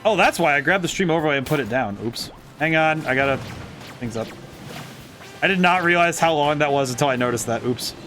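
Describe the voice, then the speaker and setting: A man's voice: fairly high pitch, animated, brisk, a bit bright. Giggly man streaming games over music. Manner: chatty, giggly, self-correcting with frequent laughs. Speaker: streamer and game designer. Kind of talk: casual live-stream commentary while playing.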